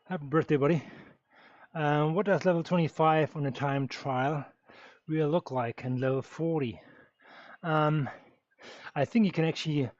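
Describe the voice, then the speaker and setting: Here a native German speaker from Germany rides an indoor bike while casually chatting on stream, thinking aloud with lots of fillers. He has a somewhat high, darkish voice. The audio is dry and dull with a lo-fi quality.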